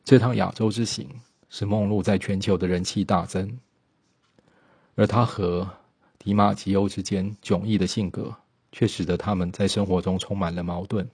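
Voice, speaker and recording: A man narrating a biographical documentary in a steady storytelling manner, with occasional small slips. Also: deep voice, normal speed, husky, no room sound.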